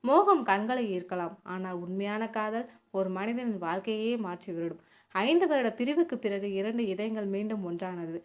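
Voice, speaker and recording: Soft-voiced woman narrating a love story. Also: mid-range voice, moderate pace. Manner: soft, gentle, steady reading.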